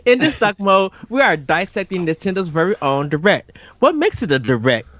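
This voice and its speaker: A man's voice: high-pitched, sing-song, moderate pace, fairly bright tone, dry recording, lo-fi sound. A man hosting a podcast discussion in a semi-scripted style. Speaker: podcast host.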